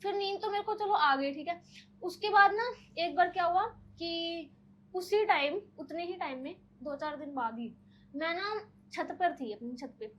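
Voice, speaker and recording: A young woman, a podcast guest, telling personal stories in a casual, animated way, often using filler words. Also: very high voice, measured pace, lo-fi sound, slight background noise. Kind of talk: casual storytelling.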